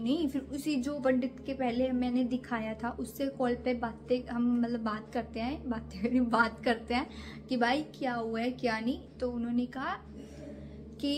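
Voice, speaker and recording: A woman's voice: sits high, darkish tone. A young woman vlogger chatting casually to camera, rambling through a scary story from her own nights.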